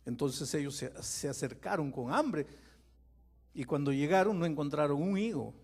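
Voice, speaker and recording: A man, a pastor, preaching a dramatic sermon, moving from quiet storytelling to loud impassioned pleading and putting questions straight to his listeners. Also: on the high side, moderate pace, husky. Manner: speaks to listeners directly with questions.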